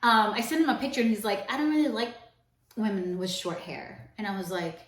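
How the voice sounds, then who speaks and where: A woman's voice: medium pitch, lively intonation, echoey room. A young woman from Cuba, a podcast co-host, telling a personal story in a casual, candid vlog. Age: young adult. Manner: chatty and candid, switches between quick and slow emphatic phrasing.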